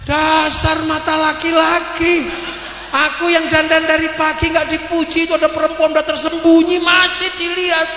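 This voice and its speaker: A man's voice: extremely high pitch, completely flat delivery, normal speed, sharp tone, slight background noise, pitched above the performer's own voice. A man voicing an annoyed, jealous wife who complains that her husband ignored her and looked at another woman. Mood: reproachful. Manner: reproachful, complaining. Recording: echoey hall, faint ambience.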